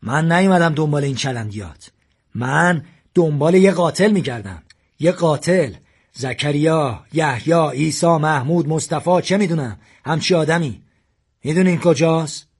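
A man voicing a menacing armed man who shouts and sneers threats, husky-voiced. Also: mid-range voice, lightly acted. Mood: angry shouting.

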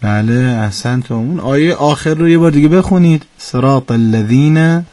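A man's voice: on the high side, animated, mellow, dry recording. A man teaching Quran recitation on a radio call-in show, patiently correcting a caller's pronunciation step by step.

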